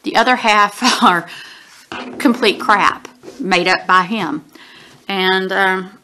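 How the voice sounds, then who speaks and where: Recorded by a webcam at desk distance in a small home room, a woman in her forties sniffles with allergies as she chats through an informal book review. Her pitch is medium, her tone sharp, and she takes it slowly, rambling with lots of ums and throat-clearing. There's slight background noise.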